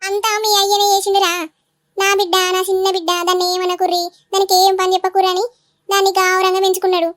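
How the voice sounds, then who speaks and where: A woman's voice: very high-pitched, little pitch movement, fast, fairly bright tone. A woman voicing a melodramatic middle-aged village mother in a cartoon, scolding and wailing with a Telangana Telugu accent. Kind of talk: cartoon voice acting.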